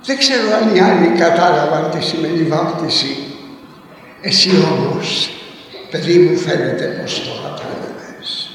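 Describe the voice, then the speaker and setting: A man's voice: fairly high pitch, fairly bright tone. An older man from Corfu giving a sermon, telling stories and stacking up repeated lists of words. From Corfu, Greece. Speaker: preacher. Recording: very echoey hall, voice from far off.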